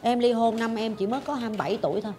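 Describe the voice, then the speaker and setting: A woman's voice: fairly high pitch, rapid-fire, dark tone, slight background noise. A woman, hosting a talk show and dramatically telling a personal story, acting out her own past thoughts. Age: 40s. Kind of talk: confessional storytelling chat.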